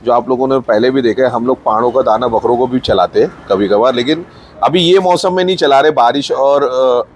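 A medium-pitched, slightly rough male voice with a Mumbai Hindi accent carries this casual walkthrough vlog. Filming his buffaloes feeding in the outdoor farm sheds on a handheld phone, the owner talks chattily, points things out, and uses some English words.

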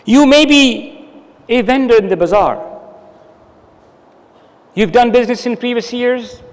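A middle-aged man giving an earnest, emphatic sermon into a stand microphone on a dark stage. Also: extremely high pitch, unhurried, big-room sound. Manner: earnest, emphatic exhortation with hand gestures. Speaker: preacher. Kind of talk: Friday sermon. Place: dark stage with curtain backdrop. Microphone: stand mic at the lectern.

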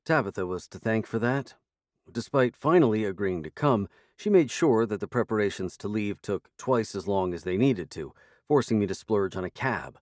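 Low-voiced male audiobook narrator. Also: expressive, normal speed, dry recording, clean studio sound. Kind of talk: first-person scripted narration.

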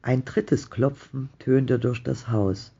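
Ein Mann, der ruhig und spannungsvoll eine Gespenstergeschichte vorliest. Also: male voice, mid-range voice, takes it slowly, creaky, mellow, breathy edge. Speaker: reader of a ghost story. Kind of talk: slow storytelling reading. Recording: dull muffled home recording.

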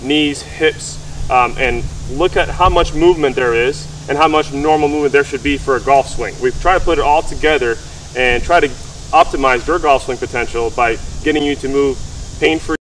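A man's voice: medium pitch, normal speed, fairly bright tone. A man in his thirties, a physical therapist, explaining and asking questions in an instructional way. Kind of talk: explanatory instructional talk and interviewing. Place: mostly outdoors on a golf course. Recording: distant mic with faint background noise.

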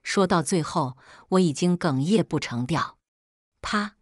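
A woman narrating a dramatic family story in an expressive, emotional way. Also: on the low side, measured pace, dry recording, clean studio sound.

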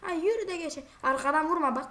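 A high-pitched woman chats her way through a driving game. She talks casually and exclaims a lot, scolding the drivers who block her way. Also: quick pace, bright, forceful tone. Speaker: gaming video creator. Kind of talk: casual gameplay commentary.

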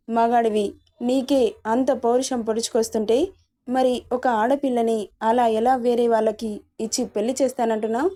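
A woman tells a romance story as scripted narration and reads each character's dialogue herself. Her voice sits a little high and has a soft, mellow tone. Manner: reads all the characters' lines in her own voice.

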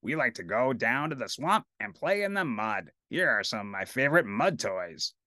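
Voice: mid-range voice, very animated, moderate pace, sharp tone, no echo. A performer voicing a grumpy, gleefully contrary grouch who loves trash and mud, in a children's storybook reading. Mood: gruffly gleeful.

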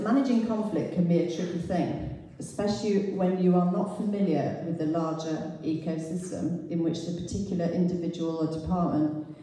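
Speaking in a low, dark voice, a middle-aged woman preaches a relaxed, explanatory sermon with scripture readings in a big church hall. A distant camera records her handheld mic as it plays through the speakers, so the sound is far off and heavily echoed.

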